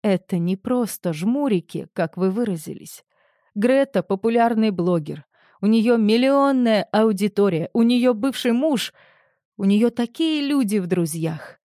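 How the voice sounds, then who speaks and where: A woman's voice: medium pitch, lively intonation, a little slow, no room sound, clean studio sound, voice pushed up, lightly acted. A woman reading a frantic, panicking man. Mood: panicked. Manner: frantic, rising to shouts. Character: panicking middle-aged man, villa owner. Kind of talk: audiobook character reading.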